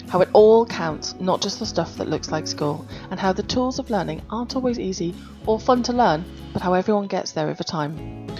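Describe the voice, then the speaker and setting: A woman with a gravelly, sore-throated voice, speaking as the host of a conversational interview podcast. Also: mid-range voice. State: bad throat.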